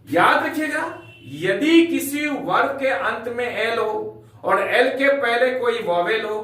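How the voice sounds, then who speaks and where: A man's voice: high-pitched, fairly bright tone. A man teaching English grammar, spelling words out letter by letter and calling his students dear children. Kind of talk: classroom lesson. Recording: very echoey room, mic far off.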